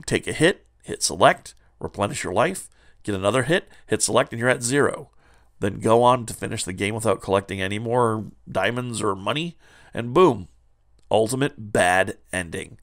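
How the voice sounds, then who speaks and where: A man's voice: fairly low pitch, creaky. A man hosting a comedic video game review show, talking in a playful, hyped way with slangy asides.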